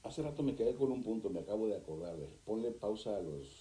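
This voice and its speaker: Deep-voiced man, animated. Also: reverberant, rough recording. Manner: animated, acts out couples in quick voices. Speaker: guest, therapist and author. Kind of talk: conversational interview.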